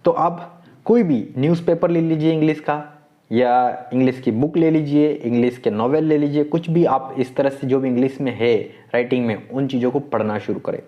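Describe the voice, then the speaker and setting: A man's voice: mid-range voice, normal speed. A man giving a step-by-step spoken lesson, encouraging and repeating key words over and over. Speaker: English-speaking teacher. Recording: dull lo-fi sound.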